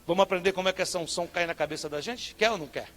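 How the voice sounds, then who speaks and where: During a church service, a male pastor with a Northeastern Brazilian accent preaches a sermon in a high-pitched, rapid-fire voice. He asks rhetorical questions and breaks into sudden loud bursts.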